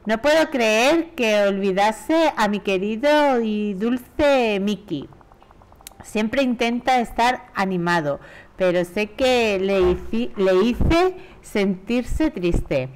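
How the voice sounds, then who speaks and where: A woman with a Spain Spanish accent reading aloud the lines of a sweet, lovesick female cartoon mouse from a video game, slowly and gently. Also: mid-range voice, expressive. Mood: remorseful.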